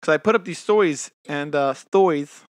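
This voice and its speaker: A man in his twenties co-hosts a casual podcast, chatty and self-mocking, speaking with a lisp from his new teeth aligners. His voice is fairly high at a moderate pace, captured as clean studio sound with no echo.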